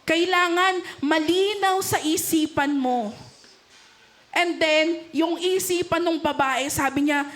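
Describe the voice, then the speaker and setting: A young woman with a Filipino accent preaches with a high voice. She is lively and keeps asking the congregation questions, with a joke here and there. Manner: lively, asks the congregation questions and jokes with them. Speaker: youth leader preaching at a cell celebration. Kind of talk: sermon in Taglish.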